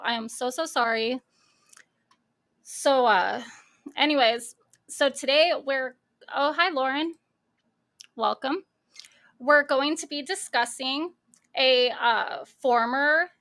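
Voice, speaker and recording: A young woman with a high, bright voice chats casually on her live stream. She takes her time, greets viewers one by one and laughs easily.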